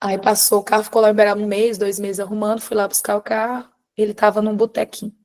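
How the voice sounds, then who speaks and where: A woman from Brazil, teaching a live class through animated, confiding personal storytelling and calling students by name. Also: mid-range voice, fast talker. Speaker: course instructor.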